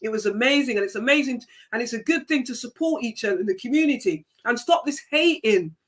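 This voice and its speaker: A woman's voice: on the high side, expressive, fast talker. A woman with a Jamaican accent hosting a live stream, giving an emphatic, preachy motivational talk and repeating key words.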